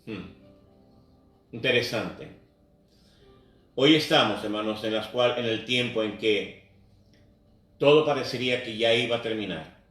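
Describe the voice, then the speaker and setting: A man's voice: medium pitch, measured pace, pauses often, fairly bright tone, soft background music. Echoey, distant preaching man. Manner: earnest, repeats phrases and addresses the congregation directly. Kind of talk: sermon. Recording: very echoey, voice far from the mic.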